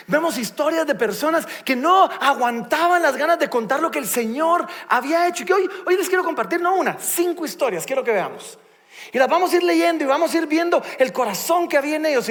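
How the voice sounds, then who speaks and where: High-voiced preacher in a reverberant church. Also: male voice. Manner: animated, reads scripture aloud and retells it with humor. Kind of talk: sermon. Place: church sanctuary.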